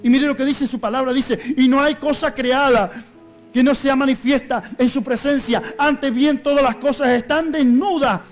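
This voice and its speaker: A male pastor giving an impassioned sermon, rising to loud cries and dropping to hushed pleading. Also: very high voice.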